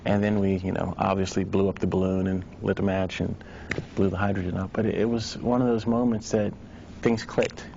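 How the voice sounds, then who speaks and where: Man, deep monotone voice, relaxed storytelling interview, dull lo-fi sound. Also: brisk, vocal fry, slight background noise. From Virginia, USA. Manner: storytelling, uses "you know". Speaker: astronaut. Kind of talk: documentary interview. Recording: dull lo-fi recording.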